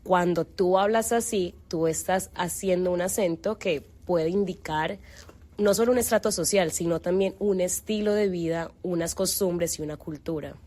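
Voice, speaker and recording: A young adult woman with a Colombian accent speaks in a somewhat low voice. She hosts a relaxed conversation and lays out her ideas in a thoughtful, explanatory way. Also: moderate pace. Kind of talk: casual discussion.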